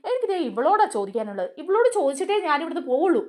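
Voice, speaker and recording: A woman's voice: high voice, big pitch swings, rapid-fire, darkish tone. A woman voicing an angry young man from a serial who is accusing a woman in heated tones.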